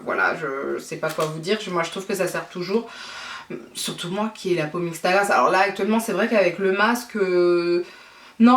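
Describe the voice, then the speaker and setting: A woman's voice: fairly low pitch, recorded from a distance. A woman beauty vlogger chatting enthusiastically about her purchases, rambling and correcting herself as she goes. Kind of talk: casual product haul chat. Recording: echoey room, voice away from the mic.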